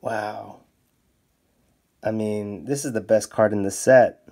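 A man casually commenting as he opens card packs off camera, bursting into high excited exclamations. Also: slow, vocal fry. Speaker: card-opening YouTuber. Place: indoors at a desk, off camera.

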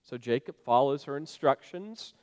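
With a medium pitch and a clean, expressive tone, a pastor speaks at a normal pace. His sermon is conversational and story-based with frequent fillers, recorded in a church sanctuary with long reverb.

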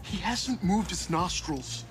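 A man's voice: high voice, animated, slow, over music. A man playing a long-suffering boyfriend in sketch comedy, exasperated and pleading.

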